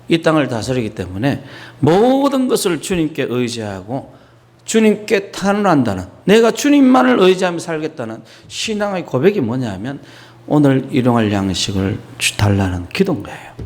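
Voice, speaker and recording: Male pastor, sermon; high-pitched and lively, conversational asides, rhetorical questions. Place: church in Beijing.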